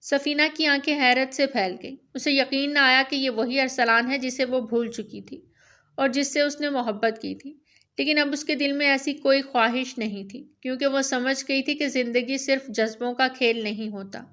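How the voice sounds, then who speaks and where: High-voiced woman reading a romance novel. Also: fairly even intonation, a bit bright. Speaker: narrator.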